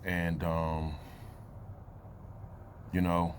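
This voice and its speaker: Man, late thirties, very low voice, loose halting vlog talk, lots of fillers. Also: completely flat delivery, a little hiss or hum. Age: 30s. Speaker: vlogger. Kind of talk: reflective personal talk to camera.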